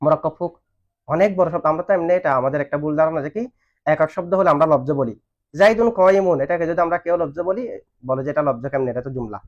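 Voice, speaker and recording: A man's voice: fairly high pitch, quick pace. A man teaching a grammar lesson, asking questions and waiting for students to answer. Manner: asks questions and has students answer back. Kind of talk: classroom lesson on Arabic grammar. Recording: dull lo-fi recording.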